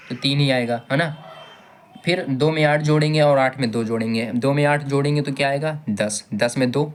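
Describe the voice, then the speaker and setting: A man teaching a maths lesson step by step, patiently repeating each step and asking his students questions. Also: medium pitch. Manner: patient, repeats steps and asks the class questions.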